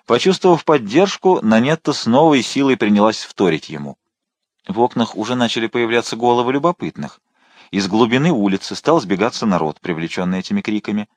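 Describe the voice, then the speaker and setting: Male narrator, dramatic storybook reading, animated delivery, dry booth sound. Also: on the low side, dry recording. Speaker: audiobook narrator. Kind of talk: scripted narration.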